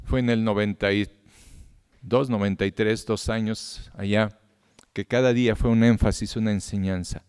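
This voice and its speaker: A middle-aged man preaching a sermon as pastor, swinging from loud, impassioned appeals to low, hushed words. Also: steady tone, moderate pace, smooth. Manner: impassioned, rising loud at appeals then dropping to a low hush. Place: church hall. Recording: long hall reverb.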